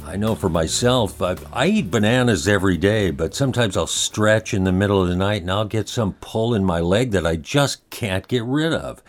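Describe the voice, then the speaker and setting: A man hosting and announcing on a radio show in a friendly, chatty style. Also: lowish voice.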